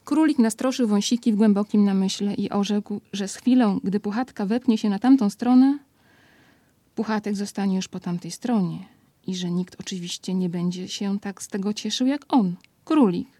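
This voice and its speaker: A woman's voice: medium pitch, moderate pace, no echo. Woman reading a storybook aloud. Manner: lively, expressive reading. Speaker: narrator.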